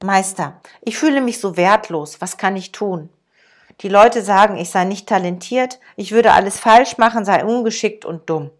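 A woman's voice: medium pitch, moderate pace, lightly acted. A woman reading as an insecure young man. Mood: pleading.

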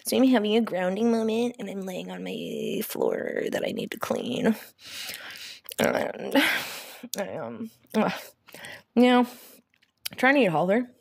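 A woman's voice: medium pitch, animated, unhurried, creaky, long pauses, slightly rough. A young woman rambling emotionally to camera at home, swearing freely and talking to herself. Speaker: vlogger. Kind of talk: rambling casual self-talk to camera. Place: at home, lying on the floor.

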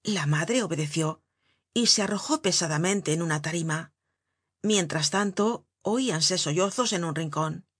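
A woman narrates a novel in a measured, even audiobook reading. Her voice is low and husky, and the sound is close and completely dry. Nothing else is heard behind her. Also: dry recording.

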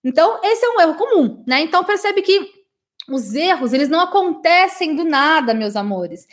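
A woman with a bright, high-pitched voice gives a live English lesson to her viewers. She is from Brazil and talks in a chatty, affectionate way, checking in with her audience and often tagging her sentences with little questions. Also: animated, moderate pace. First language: Portuguese. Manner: chatty and warm with her audience, many "né?" tags. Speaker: English teacher.

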